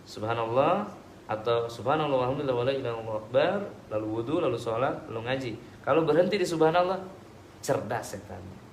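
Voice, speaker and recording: A man gives a casual religious talk and answers listeners' questions at an ordinary pitch. He sounds easygoing and sometimes teasing. The room is echoey, with faint noise behind him. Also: lively intonation, quick pace. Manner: conversational, teasing, answers with everyday examples. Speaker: preacher answering audience questions.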